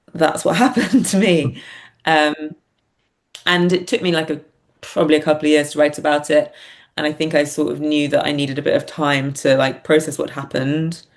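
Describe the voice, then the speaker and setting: A woman with a low, creaky voice talks candidly and reflectively as a podcast guest in a casual interview, thinking aloud as she goes. She is a playwright and performer.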